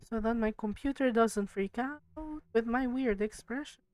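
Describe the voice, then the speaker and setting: Higher-voiced woman streamer reading a game aloud. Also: moderate pace, no echo. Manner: hushed narration mixed with chatty asides to viewers. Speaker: livestreamer. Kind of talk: reading a game's story aloud on a live stream.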